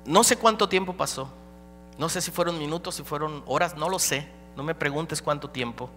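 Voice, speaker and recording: A man preaching a dramatic personal testimony as a pastor, swinging between loud and hushed. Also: fairly high pitch, moderate pace. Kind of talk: sermon testimony. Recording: live hall recording with reverb and hum.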